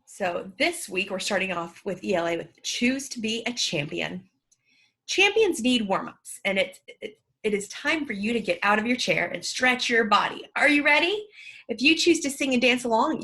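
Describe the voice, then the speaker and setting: A woman's voice: a little high, lively intonation, moderate pace, pushed and bright, slightly rough. A woman teacher talking through a home-learning lesson video in an upbeat, playful, encouraging way.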